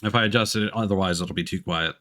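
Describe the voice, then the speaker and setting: A male streamer with a low-pitched voice talks quickly while casually commenting on a game. He reads its text and dialogue aloud in a flat, relaxed way, slipping in remarks between lines, with game music behind him.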